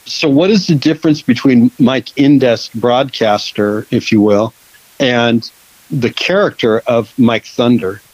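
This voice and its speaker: A man's voice: mid-range voice, unhurried, a little mellow, no room sound, lo-fi sound. A man from Western Washington hosting a casual interview, rambling with many fillers and restarts. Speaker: podcast host and producer.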